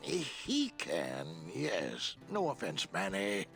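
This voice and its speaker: A gruff old fisherman of a dockmaster in a video game, salty and teasing. His gravelly, creaky voice sits a little high and swoops widely as he talks, over soft game music. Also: huge pitch swings, very slow, heavily acted. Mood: matter-of-fact. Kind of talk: animated video game character acting.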